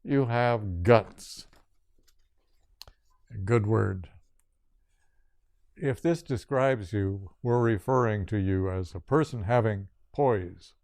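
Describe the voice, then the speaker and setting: An older man giving a spiritual yoga talk, speaking slowly and deliberately in short listed phrases. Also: lowish voice, darkish tone, dry recording, studio quality. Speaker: yoga teacher.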